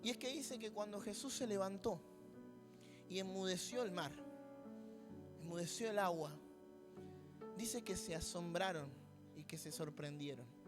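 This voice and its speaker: A man's voice: high voice, measured pace, pauses often, over music. A man preaching a sermon with a Rioplatense accent, mixing a personal story with humorous asides and acting out voices. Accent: Rioplatense Spanish. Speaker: pastor.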